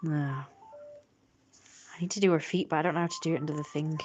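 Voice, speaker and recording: Over some background noise, a woman with a low voice and fairly even intonation speaks quickly. She's a streamer drawing live, chatting casually in a rambling, self-critical way.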